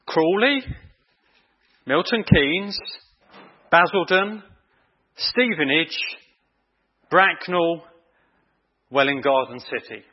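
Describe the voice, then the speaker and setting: Husky preacher, chatty sermon. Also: male voice, fairly high pitch, lively intonation, slow pace, long pauses, lo-fi sound. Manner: chatty, quizzes the congregation. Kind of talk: evening sermon.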